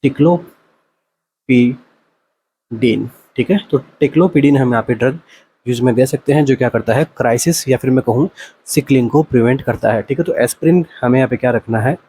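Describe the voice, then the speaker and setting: A male nursing exam coach explaining multiple-choice answers, asking rhetorical questions, answering them himself, and reading the English options out slowly. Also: mid-range voice, dark tone, slight background noise.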